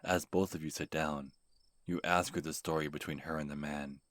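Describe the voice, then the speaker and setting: A man telling a scripted second-person horror story in a calm, measured way. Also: a bass voice, no echo. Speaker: narrator and channel host.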